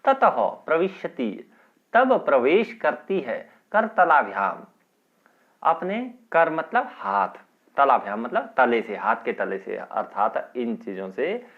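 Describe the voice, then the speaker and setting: A man teaching online, reading verses aloud and breaking each one down for his students. His pitch rises and falls in an animated way as he explains. The sound is thin and phone-like. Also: takes it slowly. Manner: reads Sanskrit lines then explains them in Hindi, often adding "ठीक है". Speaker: Sanskrit teacher. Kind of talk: online lesson explaining a Sanskrit text line by line. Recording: tinny phone-like audio.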